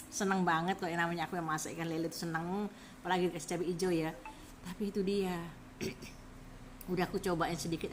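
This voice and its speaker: A middle-aged woman chatting casually on a live stream, rambling about food and then pitching a herbal product to her viewers. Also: a little hiss or hum.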